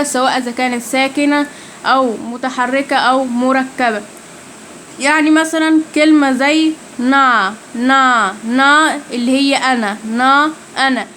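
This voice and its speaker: A woman with an Egyptian Arabic accent gives a casual spoken lesson. She repeats each sound slowly and asks and answers her own questions. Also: high-pitched, a bit bright, a little hiss or hum. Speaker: language teacher.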